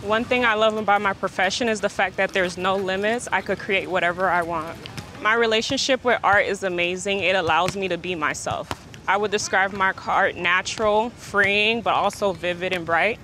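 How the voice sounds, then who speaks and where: A woman from Haiti speaks sincerely about her photography. Her voice is bright and sharp at a middle pitch. Faint street ambience sits behind her. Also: moderate pace, a little hiss or hum. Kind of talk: interview monologue.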